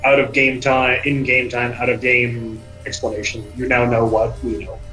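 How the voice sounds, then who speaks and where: A man's voice: medium pitch, flat delivery, bright, forceful tone, reverberant, soft background music, rough recording. A man chatting as a player in an online tabletop game, rambling and correcting himself. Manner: quick, rambling, self-correcting. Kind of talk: casual tabletop game chat.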